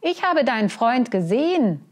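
A woman's voice: mid-range voice, big pitch swings, measured pace, darkish tone. A woman reading a children's picture book, voicing a smug, needling, gossipy crow.

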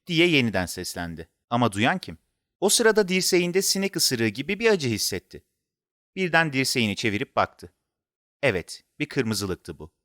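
A man narrating a children's story in an expressive, animated storytelling manner. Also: fairly high pitch, no room sound, clean studio sound.

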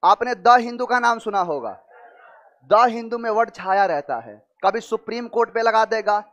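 High-voiced man teaching vocabulary. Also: animated, moderate pace, a bit bright. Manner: explains with repeated questions to students. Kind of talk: vocabulary lesson with memory tricks.

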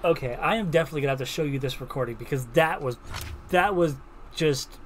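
A man's voice: on the high side, fast. A young man giving casual gameplay commentary at home, muttering reactions and breaking into sudden exclamations. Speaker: gaming video creator. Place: room at home. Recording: loud background noise with mouse clicks.

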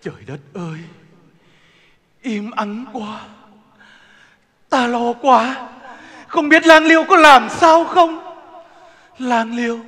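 A man's voice: extremely high pitch, full character voice. A man playing an aging king who grieves for his lost son, singing and crying out in the wailing style of Vietnamese chèo theatre. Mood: anxious grief. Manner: wailing sung laments, drawn-out cries. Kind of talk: traditional Vietnamese chèo singing and stage acting. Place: theatre stage. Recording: loud traditional music behind the singing.

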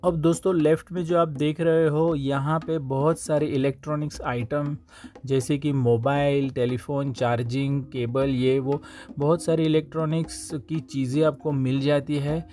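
A man's voice: a little high, level tone, normal speed, mellow, soft background music. A young man narrating a casual travel vlog while riding a motorbike through city streets, talking to viewers as friends. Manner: chatty, addresses viewers as friends. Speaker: vlogger.

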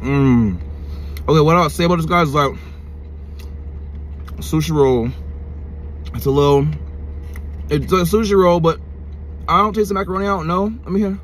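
A man's voice: a little high, normal speed, pauses often, a little hiss or hum. A man reviewing food in a casual vlog, talking slangily and thinking aloud while he chews with his mouth full. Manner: slangy, laid-back, thinking aloud between bites.

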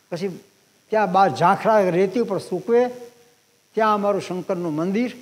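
An elderly man in his eighties tells stories from his own life to a listening audience. His voice sits high for a man, and the talk is unhurried, with pauses and repeated phrases. A long reverb trails after him in a large hall. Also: a little mellow. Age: 80s. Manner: unhurried anecdotal storytelling, pausing and repeating phrases. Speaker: guest speaker at a public talk.

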